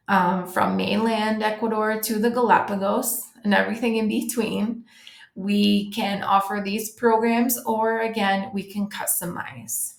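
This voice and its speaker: With a creaky, mid-range voice, a woman from the United States presents a casual, friendly webinar for travel agents, frequently stumbling into ums and restarts. There's a roomy echo to the sound.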